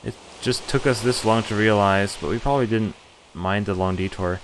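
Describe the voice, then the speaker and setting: A man with a fairly low voice streams a visual novel, reading the story aloud in first person at a moderate pace and dropping in casual asides. Game music plays behind him, and the rough recording carries a little hiss or hum.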